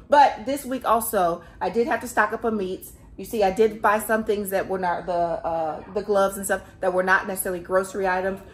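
A woman in her thirties filming a casual grocery haul vlog in her home kitchen, talking straight to her viewers on a phone camera held close. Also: mid-range voice. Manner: chatty, animated, talks straight to viewers. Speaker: family vlogger.

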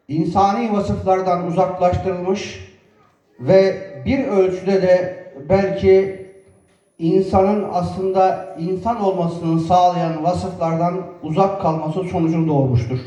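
A man, a provincial governor, giving a formal, earnest public speech from a lectern microphone, with deliberate, emphatic phrasing. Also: high-pitched, mellow. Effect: speaking from a lectern microphone. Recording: echoey hall, voice picked up from a distance.

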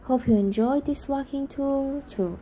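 A woman hosting a walking tour video, reading a scripted travel narration in an even, gentle manner as a voice-over. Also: sits high, unhurried, a little hiss or hum, low-quality recording. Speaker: walking tour vlog host.

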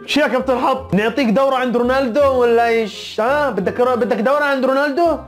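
High-voiced, fast-talking man. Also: soft background music. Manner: teasing, animated, mock-scolding with frequent laughter. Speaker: football YouTuber reacting to results. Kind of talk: excitable casual football chat.

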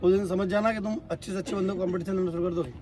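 High-voiced man lecturing trainees. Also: fairly even intonation, racing, mellow. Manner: scolding, repeatedly asks "got it?". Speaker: physical training coach. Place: outdoor training track.

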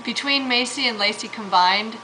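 A woman's voice: fairly high pitch, normal speed. A middle-aged woman casually explaining her dairy work to a handheld camera outdoors under a farm shelter. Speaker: farm mom, milker. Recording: hissy outdoor camera audio.

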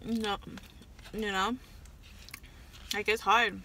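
A woman's voice: medium pitch, flat delivery, very slow, pushed and bright, slight background noise. A young woman in her twenties chatting casually with her mouth full, chewing as she talks in a car, candid and rambling with fillers. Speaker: food vlogger. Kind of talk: casual chat while eating. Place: inside a parked car.

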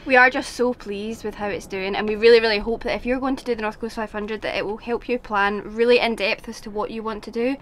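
A woman's voice: on the high side, steady tone, quick pace, hardly any pauses, a bit bright, slight background noise. A young woman chatting enthusiastically to viewers from inside a camper van, filmed on a camera held at arm's length. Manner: bubbly, enthusiastic. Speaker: vlogger. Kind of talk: casual vlog chat. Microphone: handheld camera at arm's length.

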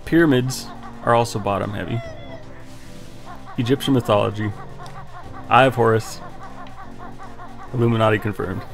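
Gravelly man explaining a game. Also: on the low side, moderate pace, pauses often. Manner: relaxed, explains the game, dry swearing. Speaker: let's play co-host. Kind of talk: casual gameplay commentary. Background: game music.

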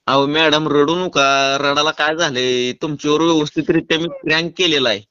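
A man's voice: fairly high pitch, fairly even intonation, normal speed, pushed and bright, smooth. A man making a prank phone call, urgent and insistent at first, then apologetic and teasing. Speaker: prank caller.

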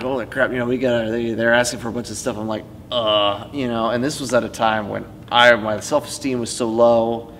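A man's voice: mid-range voice, a bit bright. A young man in his late teens, a student stage tech, telling stories in a casual interview, full of "like" and "you know," in an empty school auditorium. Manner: rambling, heavy use of "like" and "you know". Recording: reverberant auditorium, faint hum.

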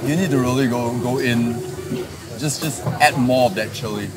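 A man's voice: medium pitch, moderate pace, over music. A man hosting a food vlog, chatting eagerly as he tastes dishes at an outdoor night market. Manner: enthusiastic, chatty while eating. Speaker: food vlogger host. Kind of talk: casual food vlog chat.

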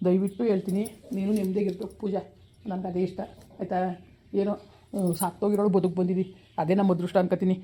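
A woman's voice: mid-range voice, flat delivery, fast talker, warm tone, a little hiss or hum, lightly acted. A woman voicing a stern young village man with a rural Kannada accent, curt and dismissive. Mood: cold. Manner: curt, dismissive, repeats his refusal. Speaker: actor in a village skit. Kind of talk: village skit acting.

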